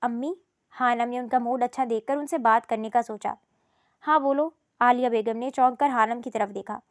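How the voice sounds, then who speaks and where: A woman storyteller reading a scripted story in an even, steady manner. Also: fairly high pitch, no echo, clean studio sound. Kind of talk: scripted narration.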